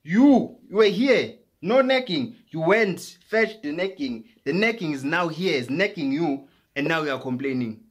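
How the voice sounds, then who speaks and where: A South African man with a South African accent giving a mock lecture in a comedy skit, teasing and building to shouts. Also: a little high, sing-song, moderate pace, slightly rough. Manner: mock-teaching, rising to shouting.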